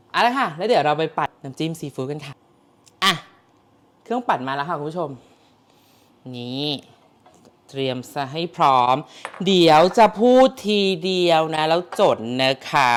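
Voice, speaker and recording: A woman from Thailand hosting a casual cooking vlog in her kitchen, chatty and teasing with sassy asides to viewers. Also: lowish voice. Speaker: cooking show host. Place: home kitchen abroad.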